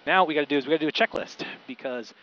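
A middle-aged pilot and flight instructor rattles off procedures and radio calls through an aviation headset inside a small airplane cockpit. His fairly high, fairly bright voice comes through a dull intercom with engine noise behind it.

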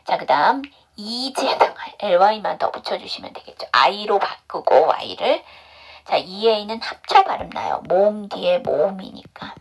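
In an online phonics class, a woman speaks slowly but very animatedly in a mid-range voice. She works through English pronunciation one step at a time, asking questions and answering them on her own.

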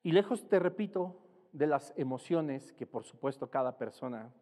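Man preaching a bible lesson, spells out greek words, gets louder on key points, long echo. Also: lively intonation. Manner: explains Greek words slowly, spelling them out; rises in pitch and volume to stress points. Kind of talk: sermon teaching. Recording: long reverb hall.

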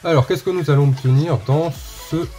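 A man's voice: fairly high pitch, normal speed, warm tone, soft background music. A man hosting a casual unboxing vlog, chatting straight to his viewers and often repeating himself. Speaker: unboxing video host.

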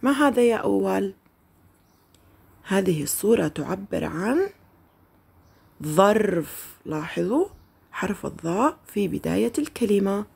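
Female early-grade teacher, husky with some vocal fry, patient and deliberate, models each word slowly. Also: mid-range voice, expressive, darkish tone. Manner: slow, drawn-out modeling of words for children to repeat. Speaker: first-grade Arabic teacher. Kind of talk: recorded children's lesson.

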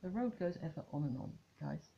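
Low gravelly woman chatting to camera. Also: animated, brisk, muffled recording, very noisy. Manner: chatty, musing, trailing off in restarts. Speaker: tarot vlogger. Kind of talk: casual chat to camera.

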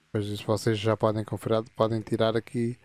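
A man's voice: on the low side, completely flat delivery, darkish tone, soft background music. A man, casually walking viewers through settings in a screen-recorded tutorial, meandering and restarting his sentences. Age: 50s. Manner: meandering, halting explanations with frequent restarts. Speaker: gaming channel host.

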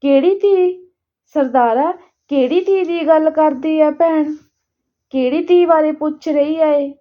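A caring village woman, soothing and reassuring, as a woman narrator voices her. The voice sits high and moves slowly. The recording is dull and lo-fi.

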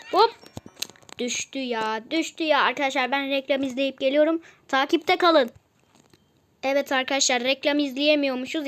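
A woman's voice: sits high, a bit bright, slight background noise. A woman casually commenting on a mobile game as she plays, chatty and easily exasperated, often repeating herself.

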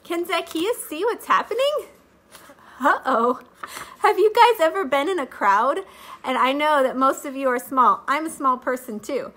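This is a high-pitched, sharp-toned woman in her thirties teaching children a Bible lesson in a sing-song teacher style. Allergies leave her slightly stuffy, and she's filmed close up in her living room with a webcam or phone camera.

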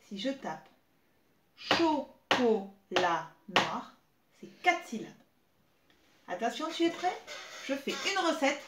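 A woman in her thirties teaching young children remotely, spelling out syllables slowly and clearly as she claps. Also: a little high. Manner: slow, clear, exaggerated syllable clapping. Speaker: preschool teacher. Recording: echoey room with faint noise.

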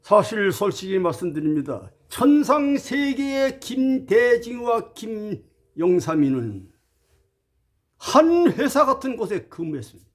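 A man delivering a preachy monologue to his viewers in a high voice that leaps up and down. He lectures with rhetorical questions and moves between polite formal address and blunt, plain talk. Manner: emphatic, swings between formal address and blunt casual speech. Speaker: spiritual teacher addressing viewers.

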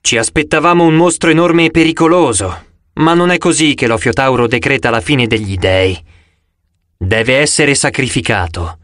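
A man's voice: medium pitch, normal speed, fairly bright tone, no room sound, clean studio sound, natural voice. A man voicing a proud young immortal huntress who speaks in grave, old-fashioned phrases, in an audiobook.

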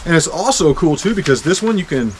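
With a briskly delivered, slightly high voice, this Kansas hiking vlogger in his forties reviews gear outdoors on a back deck in winter. He's chatty and jokey, given to bursts of excitement, and the recording carries slight background noise.

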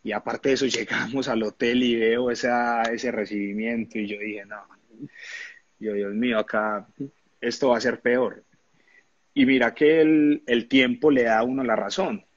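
A man, a former footballer telling animated anecdotes in a casual interview, often laughing and acting out the people he quotes. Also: medium pitch, moderate pace, no echo, muffled recording.

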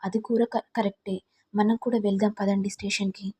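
Woman reading an anxious older caretaker man, respectful and fussy, husky and mellow. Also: high voice, flat delivery, brisk. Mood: worried. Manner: anxious questioning, calls them sir and madam. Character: worried older male caretaker, deferential.

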